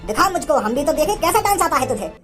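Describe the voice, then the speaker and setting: A woman's voice: high voice, very animated, quick pace, fairly bright tone, faint music behind. A woman playing a stern, short-tempered village father. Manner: mocking then threatening, rustic speech.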